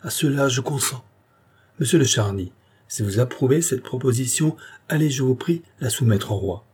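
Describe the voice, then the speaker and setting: A man's voice: expressive, normal speed, darkish tone, slightly rough. A man reading aloud, voicing a proud, frightened queen who speaks haughtily and indignantly. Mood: commanding. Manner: haughty, indignant, rising pitch.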